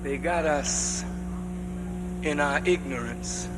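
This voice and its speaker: A male preacher delivering a sermon to a congregation in a large hall, speaking emphatically with drawn-out phrases that rise to shouts. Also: on the high side, very noisy. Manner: addresses the congregation directly. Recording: long reverb of a large hall.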